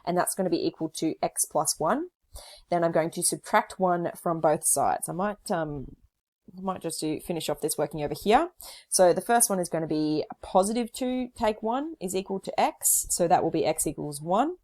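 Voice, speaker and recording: Low-voiced woman walking through maths working. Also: expressive, normal speed, a little mellow. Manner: talks through working step by step, casual fillers. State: slightly hoarse. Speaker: maths teacher. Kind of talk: recorded whiteboard lesson.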